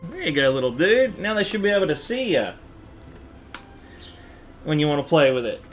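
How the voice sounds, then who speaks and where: A man streams a game from home and chats casually with his audience in a fairly high, very animated voice at a normal pace. The audio feels roomy and echoey, and faint game music plays in the background.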